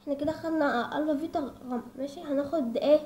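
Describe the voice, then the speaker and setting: A woman with an Egyptian accent gives an informal lesson, hesitating often and filling pauses while she speaks to viewers as friends. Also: sits high, dark tone. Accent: Egyptian Arabic. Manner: hesitant, with many fillers, addresses viewers as friends. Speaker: church lesson presenter. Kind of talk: informal teaching. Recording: dull lo-fi recording.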